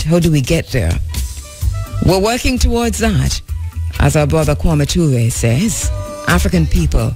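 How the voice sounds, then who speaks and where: A woman with a bass, darkish voice hosts a talk radio show from the studio, giving commentary and conducting an interview. She speaks earnestly, with frequent fillers and restarts.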